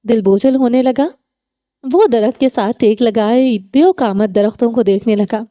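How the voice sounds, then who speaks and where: Woman, audiobook narrator, dramatic storytelling, fairly high voice, mellow tone. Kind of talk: scripted novel narration.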